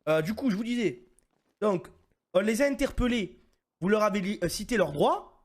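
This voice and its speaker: High-voiced man playing a cop. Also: lively intonation, normal speed. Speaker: police officer roleplay. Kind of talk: in-character game roleplay.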